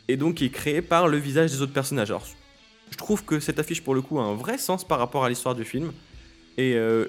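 A man hosting a podcast in casual solo talk, hesitant, with many fillers and restarts. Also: mid-range voice. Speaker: podcast host.

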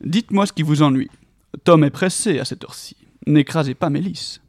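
Hearty old forest man, booming and bouncy, sing-song lines, as a man reads him out, dry sound. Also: fairly quick, a little mellow, no room sound. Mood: jovial booming.

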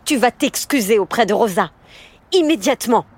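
A woman's voice: on the high side, lively intonation, moderate pace, pitched above the performer's own voice. Woman reading as a fierce, protective aunt. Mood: fierce scolding. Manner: firm, emphatic. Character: fierce, protective aunt, loving but stern.

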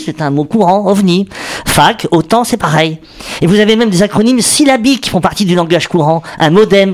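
A man delivering an explanatory radio column in a studio, joking and restarting as he goes. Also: high voice. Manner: explanatory, jokey, thinks aloud with restarts. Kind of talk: radio chronicle on acronyms.

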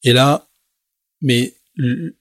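A man's voice: mid-range voice, fairly even intonation, very slow, no echo, studio quality. A middle-aged French man, a sailor and sailmaker, telling his story in a casual interview with many fillers and restarts. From France.

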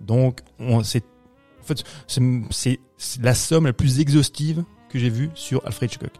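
A man on a casual podcast, recommending a book in a measured, slightly hesitant way. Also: mid-range voice, mellow, soft background music. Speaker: podcast co-host.

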